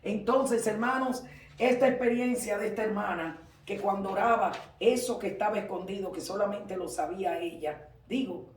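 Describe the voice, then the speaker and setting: A man preaching a sermon in a church, fervent and emphatic, rising at times to shouts. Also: high voice, moderate pace, slight background noise. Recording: roomy, from far off the mic.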